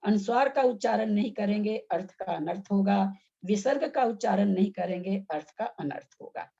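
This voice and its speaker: A woman's voice: mid-range voice, expressive, moderate pace, vocal fry, mellow, slightly rough, dull audio. A woman teaching Sanskrit pronunciation in an online class, patient and step by step, with repeated examples.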